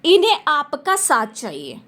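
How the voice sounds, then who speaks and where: A woman's voice: high-pitched, wildly swooping pitch, unhurried, a bit bright. A woman doing a tarot reading for her viewers, talking emphatically and repeating phrases for stress. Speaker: tarot reader.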